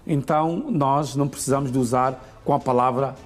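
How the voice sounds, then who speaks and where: A man's voice: medium pitch, fairly even intonation, fairly quick. Angolan male language teacher, methodical explainer, faint music bed. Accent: Angolan Portuguese. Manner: patient, methodical, explains step by step. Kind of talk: explaining grammar on a morning show.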